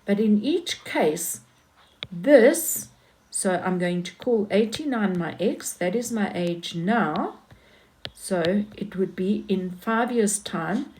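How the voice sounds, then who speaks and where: Casting note: unhurried female maths teacher, methodical and repetitive, faint hiss behind. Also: fairly low pitch, a little mellow. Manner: patient, talks through each step, repeats herself. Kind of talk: explaining maths step by step.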